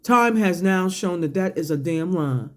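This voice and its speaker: At a measured pace, a person rants confrontationally online with plenty of profanity, emphasizing words by drawing them out individually. Their mid-range voice is expressive, and they pause to sip a drink, cough and clear their throat.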